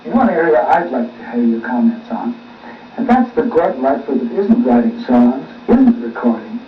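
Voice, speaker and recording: A man's voice: medium pitch, big pitch swings, moderate pace, echoey room, recorded from a distance, muffled recording, slight background noise. A man asking questions as an interviewer, on a recording that sounds like old worn tape.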